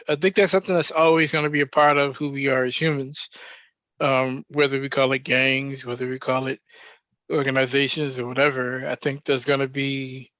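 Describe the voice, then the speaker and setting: A man hosting a podcast, speaking in a reflective, measured way with frequent pauses and fillers. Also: medium pitch, fairly bright tone, no room sound, highs cut off. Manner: reflective, measured, thinking aloud with many fillers. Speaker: podcast host. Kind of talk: casual podcast discussion.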